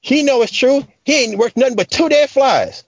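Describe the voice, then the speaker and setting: A man voicing a loud, quick-tempered aunt who taunts a little boy, in a brash way of talking, read from a story. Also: very high voice, lively intonation, husky, no room sound, dull audio, exaggerated voice. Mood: mocking, angry. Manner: brash taunting Southern-style speech.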